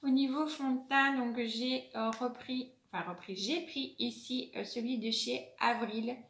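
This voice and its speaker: A woman's voice: on the high side, steady tone, measured pace, fairly bright tone. Chatty French woman, echoey room. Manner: hesitant, many fillers and self-corrections. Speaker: beauty vlogger. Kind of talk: casual product review.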